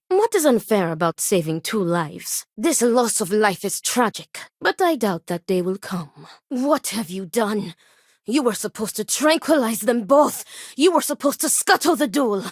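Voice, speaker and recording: In video game character dialogue, a grave, principled, devout woman serving as a duel second speaks with an angry, exasperated, weary edge. Her medium-pitched voice is expressive, and her phrasing is formal, measured, and stern, without contractions. The audio is studio quality with no room sound.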